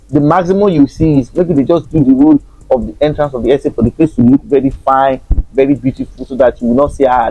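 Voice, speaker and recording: A man's voice: a little high, dry recording, highs cut off. A Nigerian man, a real estate consultant, talking to camera in a frank, teasing way and chuckling often. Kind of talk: casual talk to camera.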